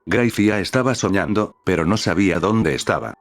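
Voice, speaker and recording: Low-voiced man narrating a story. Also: lively intonation, moderate pace, no room sound. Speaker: fan fiction narrator. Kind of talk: scripted narration.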